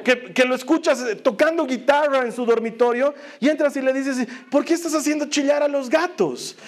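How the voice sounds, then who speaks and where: A middle-aged man, a pastor, preaching a sermon in an earnest way and firing rhetorical questions at his listeners. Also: very high voice.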